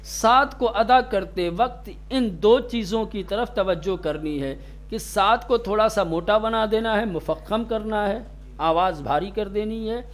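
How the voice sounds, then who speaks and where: A stern male recitation teacher with a noticeably high voice leads a classroom lesson. He draws out each letter sound slowly to demonstrate it and snaps at inattentive students. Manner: stern, scolds students sharply.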